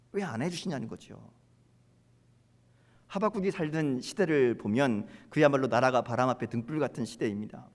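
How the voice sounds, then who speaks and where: A man preaching a sermon as pastor, in a conversational way, acting out prayers with rising emphasis. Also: medium pitch. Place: church sanctuary. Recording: long hall reverb.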